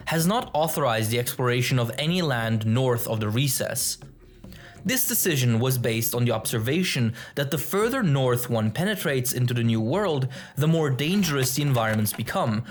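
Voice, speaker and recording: A man reading scripted nature documentary narration in a measured, formal, expository way. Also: mid-range voice.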